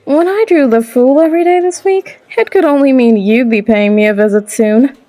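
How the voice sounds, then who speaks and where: In a character audio roleplay, a woman plays a warm barkeep and fortune teller who teases the listener playfully and calls them love. She's coaxing and unhurried, her high voice close to an everyday one.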